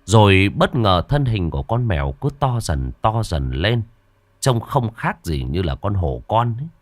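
Low, lively male horror storyteller. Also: measured pace, no echo. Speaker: narrator.

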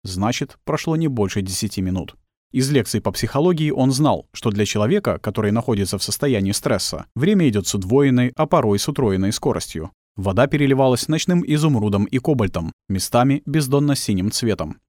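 A man narrating an audiobook in a tense, expressive storytelling manner. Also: mid-range voice, fairly quick, no room sound. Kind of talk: dramatic scripted narration. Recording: dry close studio sound.

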